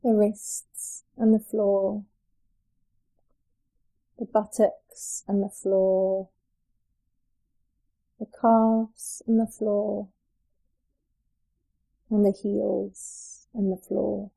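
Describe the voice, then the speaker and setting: A yoga-teacher sort of woman guides a relaxation session in a soothing, gentle manner, pausing unhurriedly between phrases. Her voice is dark, mellow and relaxed, mid-range in pitch for a woman, with vocal fry, and the audio quality is poor.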